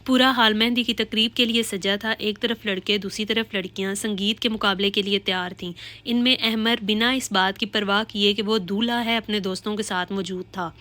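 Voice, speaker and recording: A woman reading a romance novel aloud in a steady, expressive storytelling voice. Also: mid-range voice, few pauses. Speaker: audiobook narrator. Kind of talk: scripted novel narration.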